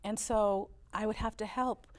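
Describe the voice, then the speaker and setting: In an unhurried, relaxed interview, a business owner in her fifties whose first language is German recounts her family's history. Her steady, middle-pitched voice pauses often on "uh," and her storytelling grows warmer as each tale unfolds.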